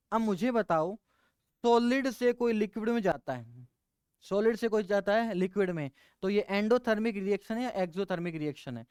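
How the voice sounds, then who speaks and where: A man's voice: high-pitched, darkish tone, smooth, no room sound, studio quality. A man teaching a chemistry lecture, asking his class questions and answering them himself. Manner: asks questions and answers them himself, calls students beta.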